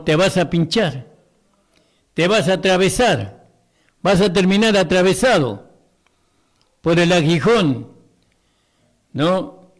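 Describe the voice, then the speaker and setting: A man preaching a radio sermon, slow and emphatic, breaking off often to ask his listeners short rhetorical questions. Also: sits high.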